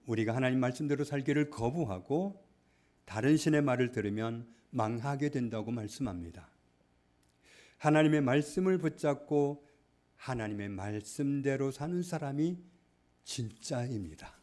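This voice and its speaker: A male pastor preaching a sermon, stressing points loudly and then dropping to hushed asides. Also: mid-range voice, normal speed. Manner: emphatic, swings between loud stresses and hushed asides. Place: church.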